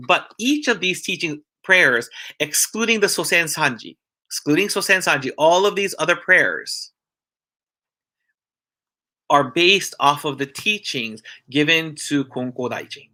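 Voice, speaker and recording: A male church minister giving an informal religious mini-lesson, earnest and heartfelt, often halting and restarting his sentences. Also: on the high side, lively intonation, pushed and bright.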